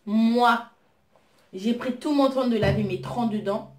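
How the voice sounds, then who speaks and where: A woman with a fairly high voice tells a personal story in an easygoing, conversational way, heating up into indignant retellings of her own replies. The room around her has a noticeable echo. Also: unhurried. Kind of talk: casual storytime chat. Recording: roomy echo.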